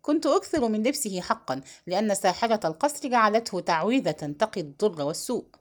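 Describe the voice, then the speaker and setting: A woman reading the part of a young, proud captive princess who gives curt, cold, sharp replies. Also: mid-range voice, animated, fast talker, close to an everyday voice.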